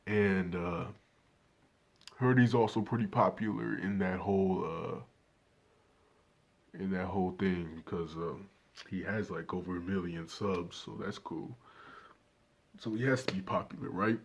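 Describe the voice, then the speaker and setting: A nineteen-year-old reaction channel host talks straight to his viewers in a deep, breathy voice with vocal fry, unhurried and fairly even in intonation, leaving long pauses. He's laid-back, swears freely, and isn't using a proper microphone.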